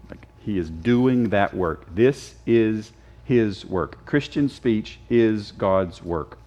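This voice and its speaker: A man's voice: lowish voice, animated, takes it slowly, warm tone, highs cut off. A man teaching a casual Bible class, joking and quizzing his students. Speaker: Sunday school teacher. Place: church classroom.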